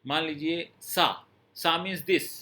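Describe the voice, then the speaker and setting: A man's voice: a little high, fairly even intonation, extremely slow, pushed and bright. A man teaching a language lesson, explaining step by step and checking that students understand. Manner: explains step by step, repeats words and asks students if they understood. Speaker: French teacher.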